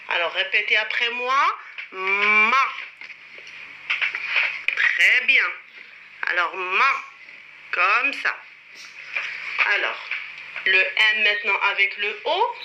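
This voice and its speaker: A woman teaching French to young children in a slow, drawn-out way, counting strokes aloud and having the class repeat after her. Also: medium pitch. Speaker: primary school French teacher. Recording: dull lo-fi recording with clear background noise.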